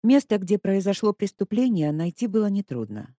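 Expressive narrator, mid pitch, dry close recording. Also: moderate pace, dry recording. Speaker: audiobook narrator. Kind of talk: scripted narration.

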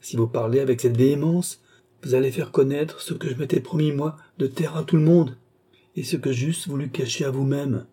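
An anguished young nobleman pleads and cries out in a husky, mellow voice, as a male audiobook reader puts him on. His lines rise in pitch and volume when he begs, in the manner of a storybook reading. The pleading stays raw and insistent. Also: moderate pace, close to an everyday voice. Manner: pleading, impassioned outbursts.

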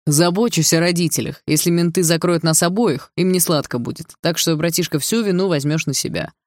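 An audiobook reader voicing a scheming young older brother who lectures and quietly threatens. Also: medium pitch, a little fast, no echo, clean studio sound, close to an everyday voice. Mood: threatening. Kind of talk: audiobook dialogue.

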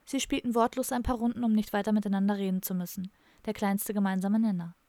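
A woman reads a comic audiobook in a dry, matter-of-fact way. Her voice has a gravelly, fry-tinged texture and sits close on the mic in a completely dry recording. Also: medium pitch, fairly even intonation, fast, dark tone, dry recording. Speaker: audiobook narrator. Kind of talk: scripted audiobook narration.

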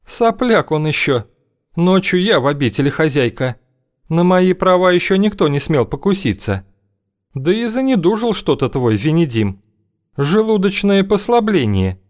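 Reading an audiobook, a man voices a bold, scheming older woman matchmaker who talks in a languid, teasing, coaxing way. He pitches his voice high, above his natural range, with a sing-song lilt at a moderate pace.

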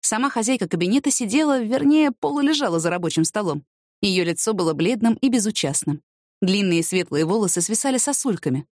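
A woman narrating an audiobook in an expressive, scripted reading. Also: mid-range voice, fairly quick, no room sound, studio quality.

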